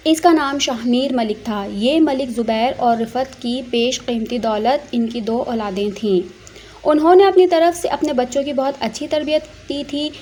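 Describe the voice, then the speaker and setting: A woman narrating a family drama story aloud in a steady, plain storytelling manner. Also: high-pitched, slight background noise.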